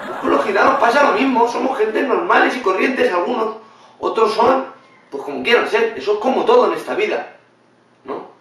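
A man giving blunt, animated vlog commentary in reaction to a video. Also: high-pitched, normal speed, a little hiss or hum. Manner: animated, blunt and swearing, mimics others in funny voices. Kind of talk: casual opinionated commentary. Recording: very echoey room, mic at a distance.

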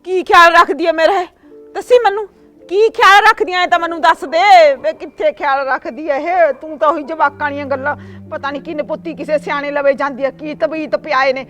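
A woman playing a high, nagging stepmother. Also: steady tone, fairly quick, hardly any pauses, faint music behind, natural voice. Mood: scolding. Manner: shrill, scolding, complaining. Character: nagging middle-aged stepmother who later repents. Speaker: actress in a short comedy film. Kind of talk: village comedy sketch acting.

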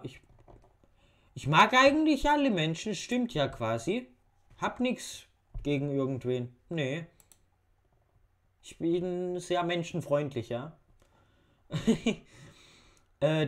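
A young man reading quiz questions aloud and muttering wry answers in a casual home video commentary. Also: medium pitch. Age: young adult. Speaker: YouTuber. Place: bedroom at home. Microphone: webcam facecam.

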